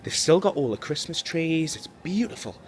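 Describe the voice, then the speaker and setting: A man's voice: fairly high pitch, expressive, moderate pace. Young guy vlogging on a ship, chatty and laughy, bit of wind noise behind. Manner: chatty, self-deprecating, laughs often. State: out of breath at times. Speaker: cruise vlogger. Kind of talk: casual travel vlog. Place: aboard a cruise ship, outdoor deck and corridors.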